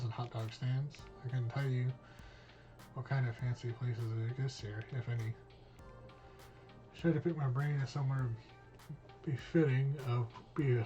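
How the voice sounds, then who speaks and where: Man, streamer, reading a visual novel aloud, casual, swears freely, mid pitch. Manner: casual, reads all parts, drops in swear words.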